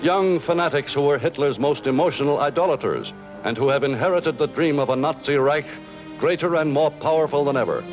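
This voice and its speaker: A man's voice: a little high, normal speed. An American man delivering formal, declamatory narration in the style of a 1940s newsreel. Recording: muffled old film soundtrack, loud music.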